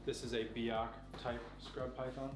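A young man in his twenties casually showing and explaining snakes in an indoor reptile room, relaxed and knowledgeable, with many fillers. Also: mid-range voice, measured pace, recorded from a distance. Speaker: facility owner giving a tour. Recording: echoey room, off-mic, music behind.

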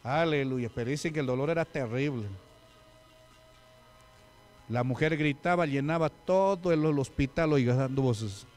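A man's voice: mid-range voice, moderate pace, long pauses, a little mellow, soft background music. A man preaching a sermon, telling a story with acted quotes and asking the congregation questions. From Peru.

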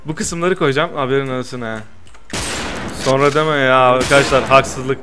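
A young man doing lively gameplay commentary, teasing his friend and protesting loudly to his viewers. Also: medium pitch, moderate pace, noisy background. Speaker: gaming YouTuber.

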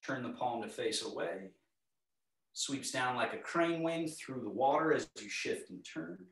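Calm man giving tai chi cues, echoey room. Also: medium pitch, vocal fry. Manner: calm, serene, measured cueing. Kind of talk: live movement lesson, step-by-step cues. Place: indoor home living area. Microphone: camera across the room. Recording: echoey room, distant microphone.

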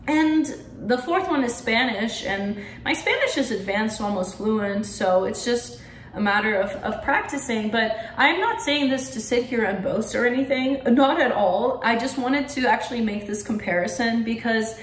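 Her voice runs on the high side at a moderate pace, with slight background noise. She's a young vlogger from Poland, talking chattily to the camera from a living-room armchair, hands constantly moving, the room lending a roomy echo.

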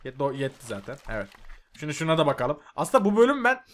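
A young man giving loud, excitable gameplay commentary, swearing and yelling at the mobs on screen. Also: fairly high pitch, quick pace. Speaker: gaming YouTuber. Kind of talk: Minecraft mod review commentary.

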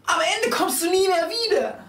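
A man voicing a shrill, scolding old grandmother who wails and frets, in an echoey room away from the mic. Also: lively intonation, moderate pace, fairly bright tone, far from the mic. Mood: pleading. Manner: wailing, shrieking, fretful.

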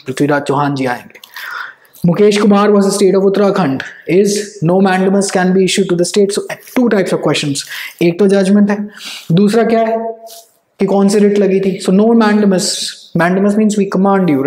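A man's voice: high voice, darkish tone. A man in his thirties with a North Indian accent, lecturing emphatically at a whiteboard as an exam coach and tossing out rhetorical questions. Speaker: law exam coaching teacher. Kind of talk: whiteboard lecture mixing English and Hindi. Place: indoor room at a whiteboard. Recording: echoey room.

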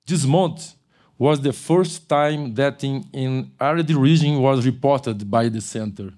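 A slightly mellow, mid-range voice belongs to an older man giving a keynote lecture at a conference, using a podium mic in a large auditorium. He keeps stopping, starting over, and correcting himself as he goes.

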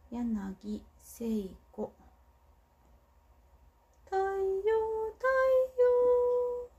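A woman's voice: mid-range voice, creaky, warm tone, breathy edge. A woman with a Kagoshima accent, a local politician hosting a casual livestream, who reads out viewer comments in a chatty, self-teasing way. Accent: Kagoshima Japanese. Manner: chatty, self-teasing, laughs between remarks.

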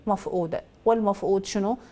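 An Iraqi woman hosts a call-in astrology show at a breakneck clip. Her pitch sits in an ordinary middle range. She fires off probing questions, then delivers her readings with firm certainty. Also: fast, dark tone. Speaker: astrologer host.

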